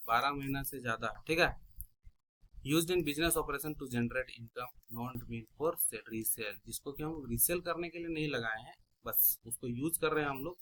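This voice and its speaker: A man's voice: mid-range voice, sharp tone, rough recording. A man teaching an accounting class, asking his students questions and answering them himself, repeating the key terms. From India. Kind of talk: classroom lecture explaining terms.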